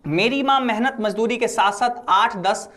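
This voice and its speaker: A man's voice: high voice, moderate pace, pushed and bright. A male teacher explaining a story chapter in a casual lecture style, repeating lines often and acting out quotes. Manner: repeats lines with frequent "है ना" fillers, acts out quotes. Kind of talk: explaining a Hindi lesson.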